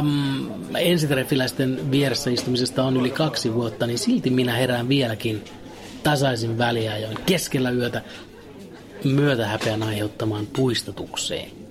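A man tells an absurd comic story with a straight face, in a voice of ordinary middle pitch. His delivery is dry and matter-of-fact, with the odd hesitant filler between thoughts. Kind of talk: deadpan absurd comic monologue.

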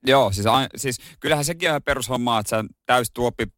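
A man co-hosting a radio morning show, chatting casually and throwing in quick jokes. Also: mid-range voice, a bit bright, no echo, studio quality. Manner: quick joking interjections. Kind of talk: casual chat.

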